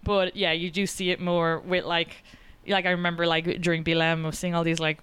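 Irish female comic, casual talker, lowish pitch, fillers galore. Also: level tone, brisk, fairly bright tone, smooth. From Ireland. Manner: chatty, lots of fillers and quoted asides. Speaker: guest comedian. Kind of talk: casual podcast chat.

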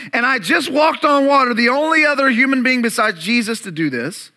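A very high-pitched, bright, pushed male voice belongs to a pastor preaching at a church service. Before his congregation, he tells the story dramatically, sprinkling in playful asides.

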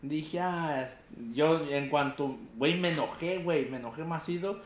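A young man with a Mexican Spanish accent, telling an animated, slang-heavy story in casual chat and acting out the quotes. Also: on the high side, moderate pace, roomy sound, background noise.

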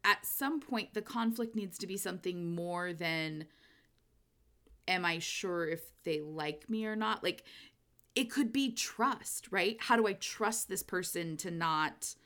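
A woman co-hosting a podcast, chatting casually about books in an animated way and laughing often. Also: on the low side, takes it slowly. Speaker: podcast co-host. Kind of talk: casual book discussion.

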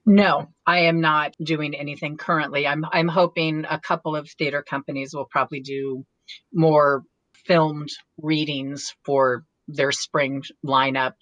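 A woman's voice: deep voice, steady tone, unhurried, a bit bright, dry recording, muffled recording. A woman actor chatting casually as an interview guest, laughing often and restarting her sentences. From United States.

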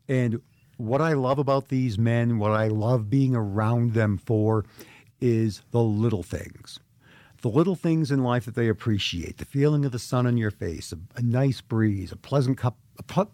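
A man's voice: mid-range voice, warm tone, dry recording. Earnest middle-aged man, dry sound. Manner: earnest, reflective, with frequent restarts. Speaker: author and guest. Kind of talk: interview conversation.

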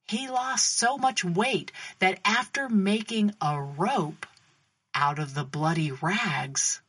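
Slow, breathy woman telling a faith story. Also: mid-range voice. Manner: dramatic storytelling with pauses and questions to the listener.

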